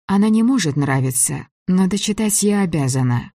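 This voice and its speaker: A stubborn young woman who studies magic, as a male reader puts her on, talks in a raised, indignant voice. She sounds quick-tempered and defiant. The audiobook is recorded close and dry. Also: high-pitched, expressive, warm tone, no room sound, pitched above the performer's own voice. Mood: earnest.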